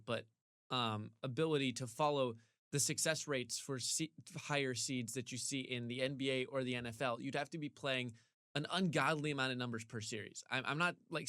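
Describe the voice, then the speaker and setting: A man co-hosting a casual sports podcast, ranting animatedly with big jumps in pitch, his voice getting a little hoarse. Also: a bit bright, dry recording, studio quality. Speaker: podcast co-host.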